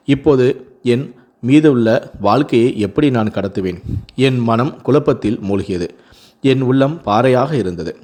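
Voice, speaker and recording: A man narrating a sad first-person story in a measured, somber reading voice with slow pauses. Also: mid-range voice, darkish tone.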